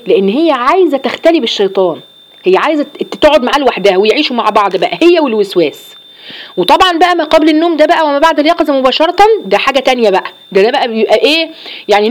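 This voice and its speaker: Egyptian woman giving a religious lesson, talks super fast, kinda high voice, lots of questions back at the listeners. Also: lively intonation. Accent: Egyptian Arabic. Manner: earnest, rapid, rhetorical questions. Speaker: religious teacher.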